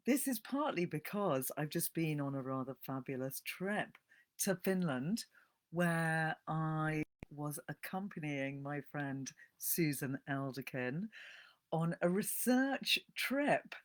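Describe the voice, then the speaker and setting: A woman, giving a casual, animated live-stream talk on books and greeting viewers as they join. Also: lowish voice. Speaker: bibliotherapist hosting a live book talk.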